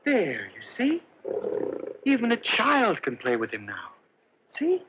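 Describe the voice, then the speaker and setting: A meek, gentle tailor with a highish, lilting voice that swoops about as he coaxes and soothes. It comes from a dull, hissy old film soundtrack in 1950s movie style. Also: wildly swooping pitch, slow pace, full character voice. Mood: coaxing. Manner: soft, coaxing and cajoling, talks baby-talk to the lion.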